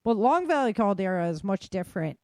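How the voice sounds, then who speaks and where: A podcast host breezes through world weather and disaster news in a casual, colloquial, chatty manner. Her mid-range voice swings widely in pitch at a fairly quick pace, captured with studio quality and no echo.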